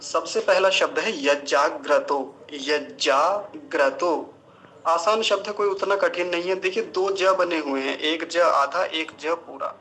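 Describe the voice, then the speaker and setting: A male teacher giving a pronunciation lesson, sounding each syllable out slowly and carefully and then chanting the verse in a sung tone. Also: high-pitched, steady tone, sharp tone, a little hiss or hum, poor audio. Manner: slow, careful syllable-by-syllable enunciation. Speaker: Sanskrit teacher.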